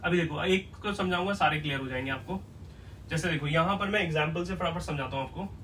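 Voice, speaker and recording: A man's voice: a little high, fast talker, a bit bright, slight background noise. Man teaching at a whiteboard, slightly distant. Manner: explains step by step, asks "clear?" often. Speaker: English teacher. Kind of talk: whiteboard lesson.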